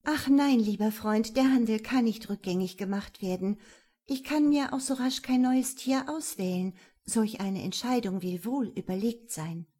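A woman reading a young noblewoman's lines in an audiobook, urgent and sometimes hushed. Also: mid-range voice, measured pace, husky. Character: young noblewoman, guarded and clever.

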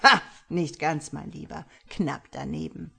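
A sneering demonic killer, voiced by a woman reading an audiobook, low and unhurried. He drawls his taunts slowly, savoring cruelty. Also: heavily acted. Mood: mocking. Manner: slow, mocking, taunting.

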